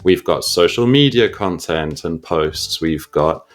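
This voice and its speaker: Deep-voiced man from Zimbabwe. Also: expressive, unhurried, soft background music. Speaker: podcast co-host and guest. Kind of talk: casual interview talk.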